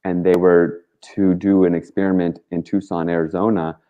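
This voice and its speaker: Over phone-quality sound, a man with a low voice speaks flatly at a moderate pace. He's a guest on a talk show, earnestly and casually rambling through stories in slangy language peppered with "like" and mild swearing.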